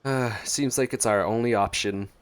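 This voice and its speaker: Over game music, a gaming streamer with a clean, mid-range voice and moderate pace offers casual, playful reaction commentary, joking as he reads and responds to dialogue.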